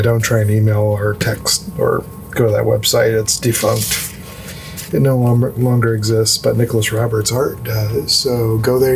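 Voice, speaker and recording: A man hosting an art channel, talking casually in a hushed, lowered voice as if quiet at night, with a gravelly creak, giving a sketchbook tour. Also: noisy background.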